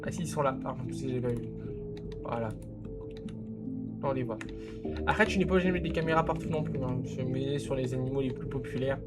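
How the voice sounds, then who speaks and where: A man's voice: medium pitch, a little fast, long pauses, over loud music. Chatty man giving game-building tips. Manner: chatty, gives advice directly to the viewer, self-correcting. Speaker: game content creator reviewing a viewer's zoo. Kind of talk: casual gameplay commentary.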